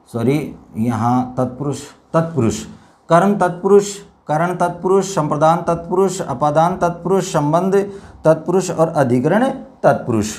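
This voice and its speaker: A man teaching a Hindi grammar lesson, explaining step by step, repeating words slowly and addressing his viewers as dear children. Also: on the high side, a little mellow. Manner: slow, repetitive explanation with drawn-out words. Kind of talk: classroom lesson.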